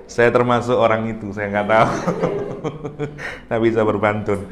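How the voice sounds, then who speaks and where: Man, religious study teacher, relaxed explaining, restarts words, roomy echo, faint background hum. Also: fairly low pitch, fast talker. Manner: explains with everyday comparisons, chuckles at own jokes.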